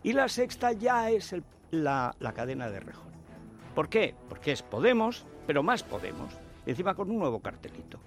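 A man with a Spain Spanish accent delivers a scornful political monologue, jabbing with sarcasm and rhetorical questions. His voice sits somewhat high and leaps up and down animatedly. Quiet music plays underneath. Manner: sarcastic, combative, mocking. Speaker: political commentator. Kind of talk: opinion monologue.

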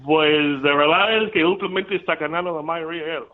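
Middle-aged man calling in over a phone line. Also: a little high. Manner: halting, repeats words while searching for them. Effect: heard over a phone line. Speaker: caller, father of the guest. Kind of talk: live radio call-in chat. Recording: tinny phone line on radio.

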